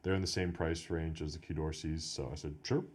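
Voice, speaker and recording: Deep-voiced American man telling stories. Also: little pitch movement, brisk. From United States. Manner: rambling storyteller, heavy use of "like". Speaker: podcast host. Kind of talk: casual chat.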